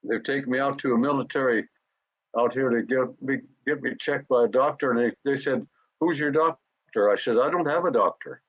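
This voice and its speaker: A very old man in his nineties tells his wartime memories in a husky, breathy voice. He talks haltingly and often stops to restart his words. The recording is dry and dull, like lo-fi tape. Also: mid-range voice, no room sound. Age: 90s. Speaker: war veteran interviewee. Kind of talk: recounting memories in an interview.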